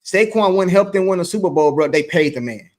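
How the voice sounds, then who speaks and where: A man's voice: high-pitched, animated, brisk. A man hosting a loose, rambling sports talk show, reading from a live chat. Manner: loose, rambling, repeats himself. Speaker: host.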